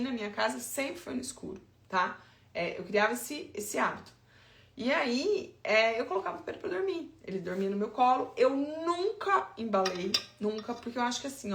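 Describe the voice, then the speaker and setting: This infant sleep consultant, a Brazilian woman in her thirties, chats emphatically with her audience, handing out informal advice in a Brazilian Portuguese accent. Her voice runs a little high and carries vocal fry, and the sound is reverberant.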